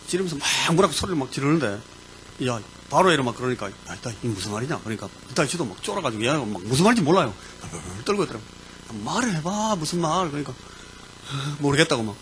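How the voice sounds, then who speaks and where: A man preaching as a pastor, telling a personal story with lively sound words and sudden bursts of emphasis. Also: medium pitch, fast talker, slight background noise, rough recording. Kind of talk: sermon storytelling. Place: church.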